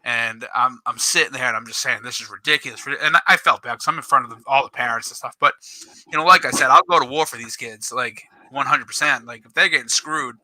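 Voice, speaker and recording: A man's voice: medium pitch, fast, no echo, poor audio. A middle-aged man, a youth football coach telling a story on a casual podcast, acting out quoted lines and swearing. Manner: animated, swears, acts out quoted dialogue.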